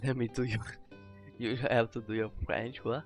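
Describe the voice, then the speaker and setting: A man's voice: medium pitch, level tone, a little slow. A young man casually commenting as a gaming streamer, rambling and joking around with put-on accents. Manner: goofy, rambling, jokes with mock accents. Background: game music.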